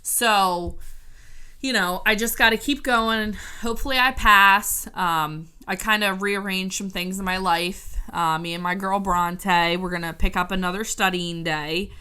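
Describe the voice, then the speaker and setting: A woman's voice: mid-range voice, fairly even intonation, measured pace, bright, forceful tone, smooth. A young woman from the United States hosting a podcast, talking through a casual, earnest rant full of fillers. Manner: chatty, earnest, filler-heavy. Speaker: podcast co-host.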